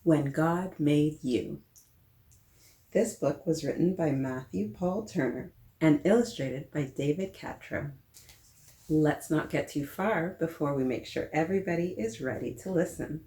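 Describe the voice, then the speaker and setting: This is a woman reading a picture book aloud at a children's story time, full of playful expression and direct remarks to the kids. Her voice is low and a little slow. The recording has an echoing, roomy quality.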